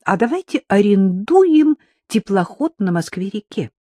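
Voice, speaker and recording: A narrator voicing a dreamy, teasing teenage girl in an audiobook, speaking in an animated, fanciful way. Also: mid-range voice, unhurried, no echo, clean studio sound, voice pushed up.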